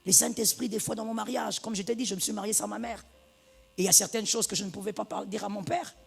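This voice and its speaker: A woman pastor preaching a sermon, moving from hushed tones to loud bursts. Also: medium pitch, steady tone, fast, gravelly, breathy edge. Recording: long reverb of a large hall.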